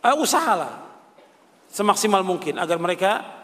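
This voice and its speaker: A man's voice: sits high, sing-song, moderate pace, a bit bright, a little hiss or hum. An older man preaching a religious lecture, posing rhetorical questions and answering them himself, repeating key phrases. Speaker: Islamic preacher. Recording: reverberant hall.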